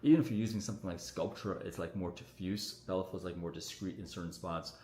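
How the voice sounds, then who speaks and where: A man, a doctor, answering viewer questions on a casual livestream in a relaxed, chatty way full of fillers, his voice echoing around the room. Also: low-pitched, fast. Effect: echoing room sound on the stream. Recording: echoey room audio on a livestream.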